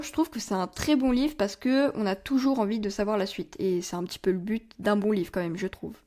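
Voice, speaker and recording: A young woman talks casually through her month of reading, candid and a little playful. Her voice sits a bit higher than most. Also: a little mellow. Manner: chatty and candid, with playful asides. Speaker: book vlogger. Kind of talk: casual book review monologue.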